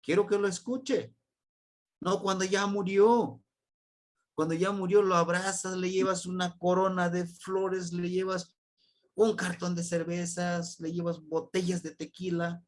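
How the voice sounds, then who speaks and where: A man with a Mexican Spanish accent teaching a language class, repeating words slowly and quizzing his students. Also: sits high, level tone. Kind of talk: classroom grammar lesson.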